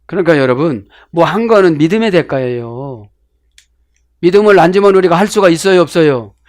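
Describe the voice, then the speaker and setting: A middle-aged man preaching with animated swings from loud outbursts to hushed asides. His voice sits a bit high for a man. The sound is dry and close, with no room echo. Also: fairly quick. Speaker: pastor. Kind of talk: sermon with Bible word study.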